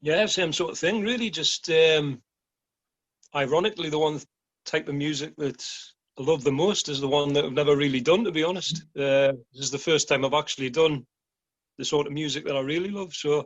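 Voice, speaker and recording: A man's voice: a little high, a little fast. Easygoing male band member. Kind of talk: casual interview chat. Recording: dull lo-fi sound.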